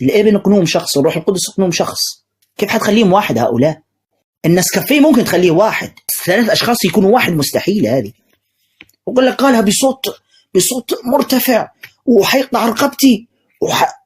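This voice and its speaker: Fast, lively, husky-voiced male debater. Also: high voice. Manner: mocking, rhetorical questions, quotes scripture. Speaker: religious debater responding to clips. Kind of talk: animated polemical commentary.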